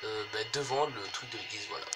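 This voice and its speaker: A man's voice: on the low side, fast, music in the background. A man hosting a gaming video, talking through gameplay in a rambling, hesitant way and swearing often. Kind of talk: casual gameplay commentary. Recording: noisy home recording.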